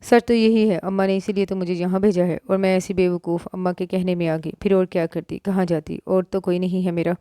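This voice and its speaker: A woman's voice: fairly low pitch, little pitch movement, fairly quick, few pauses, mellow, clear, resonant tone, dry recording, clean studio sound, lightly acted. A woman reading a tearful young wife. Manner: pleading, tearful.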